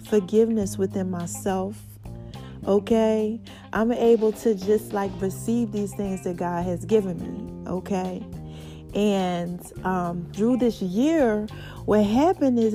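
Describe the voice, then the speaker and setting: A woman podcast host giving a casual, excited motivational monologue, with a slight lisp and mouthful-sounding speech from stitches after mouth surgery. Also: mid-range voice. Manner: excited, folksy, repeats phrases for emphasis.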